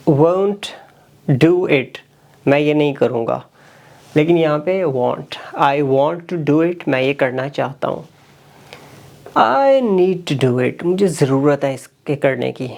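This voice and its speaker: A man teaching a spoken language lesson, slowly and deliberately drilling and repeating example sentences. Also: fairly high pitch, vocal fry, darkish tone. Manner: switches between explaining and drilling examples. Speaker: English teacher.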